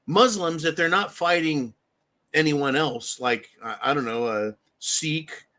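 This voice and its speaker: A man with a notably high voice hosts a live stream. He talks in a blunt, profane rant and slips into quick impressions of the people he describes. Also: sharp tone. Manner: blunt, profane ranting, acts out quoted voices. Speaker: livestream host. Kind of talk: casual live-stream commentary.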